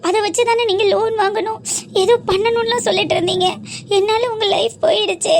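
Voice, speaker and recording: A woman's voice: very high voice, steady tone, a little fast. A woman voicing a remorseful, apologetic young woman in a family cartoon. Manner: pleading, self-blaming. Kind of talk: cartoon dub acting.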